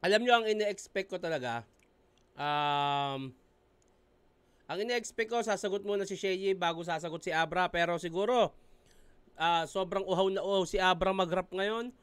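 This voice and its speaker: A man with a Filipino accent hosting a reaction video, talking casually, swearing freely and breaking into excited shouts. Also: high-pitched, normal speed, clear, resonant tone, no echo.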